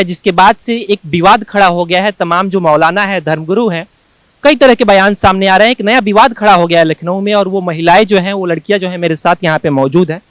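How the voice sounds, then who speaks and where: A male news reporter who introduces the story and interviews guests in a measured, formal way. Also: sits high, clear, resonant tone, dry recording.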